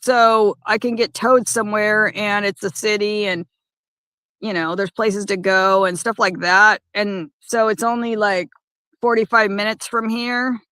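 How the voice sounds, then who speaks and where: A woman chatting casually on a phone livestream by a lake, talking in halting, rambling bursts with many restarts. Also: medium pitch, steady tone, a bit bright, smooth, no room sound. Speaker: van-life vlogger. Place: parked by a lake.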